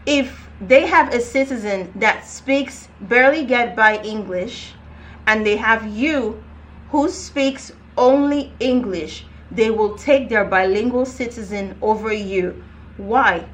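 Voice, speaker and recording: A woman's voice: on the high side, slow pace. A young woman coaching viewers on careers, talking to camera in a direct, emphatic, conversational way. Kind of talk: casual advice vlog.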